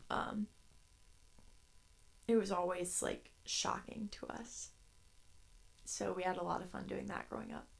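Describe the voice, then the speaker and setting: A woman's voice: lowish voice, creaky. A young woman in her twenties, hosting a solo podcast from her bedroom and telling childhood stories in a chatty, rambling way. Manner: chatty, rambling, laughs between thoughts. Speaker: podcast host. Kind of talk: casual solo podcast storytelling.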